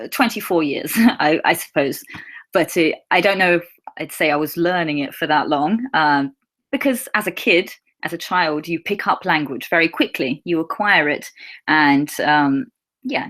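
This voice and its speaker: A young adult woman from England, an English teacher, hosts a casual live Q&A and answers viewers' questions one at a time. Her voice is slightly low with a fairly bright tone, and her manner is easygoing and chatty while she keeps her words clear and simple for learners. The note about her being Russian is garbled in the source.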